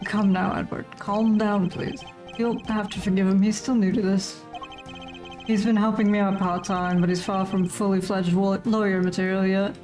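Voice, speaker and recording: A polished, self-assured male defense attorney, read aloud by a woman streamer, formal and courteous. The voice stays mid-pitch and close to her own. Faint game music runs underneath. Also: level tone, normal speed, a little mellow, natural voice. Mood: composed.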